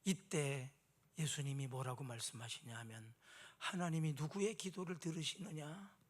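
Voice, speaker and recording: Brief: male pastor, high voice, chatty sermon style, questions for the congregation. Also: normal speed. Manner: conversational, asks the congregation questions.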